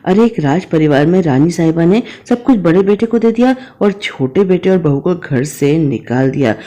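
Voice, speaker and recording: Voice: medium pitch, animated, normal speed, warm tone, lightly acted. A narrator voicing a scheming young daughter-in-law, sly and wheedling.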